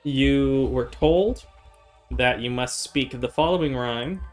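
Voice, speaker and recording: A man serving as game master for a tabletop role-playing session. He narrates in a slow, deliberate way, speaking for the figures he controls. His voice sits at an ordinary pitch for a man.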